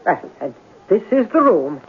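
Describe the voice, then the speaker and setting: Playing a nervous, evasive middle-aged landlady with colloquial, uneducated speech, an actress performs in an old-time radio drama. Her mid-range voice swings widely in pitch at normal speed, brisk and businesslike. Background noise runs through the tinny, band-limited vintage radio recording.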